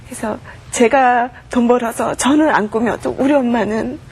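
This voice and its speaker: A woman's voice: a little high, normal speed, darkish tone, breathy edge. Earnest woman telling her testimony. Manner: earnest storytelling, acts out quoted prayers and dialogue. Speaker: guest giving testimony.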